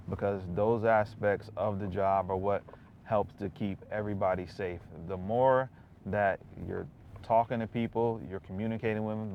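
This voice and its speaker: A man's voice: deep voice, gravelly. A man, a police officer, talking about his work in interview answers. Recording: slightly dull sound, faint noise.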